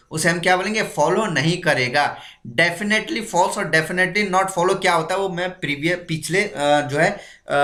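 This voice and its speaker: Echoey bright-voiced math teacher. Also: male voice, fairly high pitch. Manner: asks rhetorical questions and answers them himself; repeats key points often. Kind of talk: exam-prep lesson.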